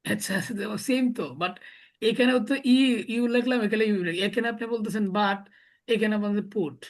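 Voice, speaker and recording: A man's voice: high voice, steady tone, brisk. A male teacher gives a classroom lesson. He explains patiently, step by step, and keeps drilling his students with repeated questions.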